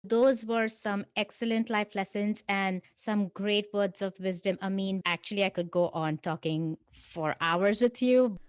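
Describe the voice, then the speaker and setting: A woman's voice: mid-range voice, unhurried, hardly any pauses, clean tone, no echo. A woman hosting a podcast interview, speaking politely and formally to her guest. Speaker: podcast host. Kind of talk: interviewer wrapping up a conversation.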